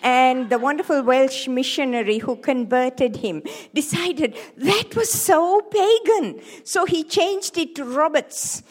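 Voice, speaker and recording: A high-voiced Sri Lankan woman in her seventies, a sex therapist, speaks at a seminar in a hall before a live audience. She takes her time, joking in a lively way and tossing playful asides to the crowd.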